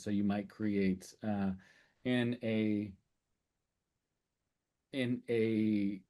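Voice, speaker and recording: A man giving a conference talk in a loose, conversational way, with many "um"s and "uh"s. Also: medium pitch. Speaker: speaker and sessional lecturer.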